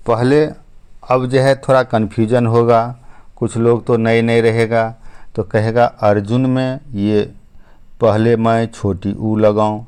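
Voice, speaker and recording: A man's voice: fairly low pitch, darkish tone, clean tone. A man teaching a step-by-step spelling lesson, explaining patiently and repeating himself. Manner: slow, patient explaining with frequent "ठीक है" and "अब जो है". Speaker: English teacher.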